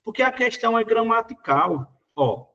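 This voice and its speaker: High-voiced teacher talking through exam answers. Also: male voice, big pitch swings, normal speed, sharp tone, muffled recording. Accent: Brazilian Portuguese. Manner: conversational, many "né" and "ó" fillers. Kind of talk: explaining exam questions.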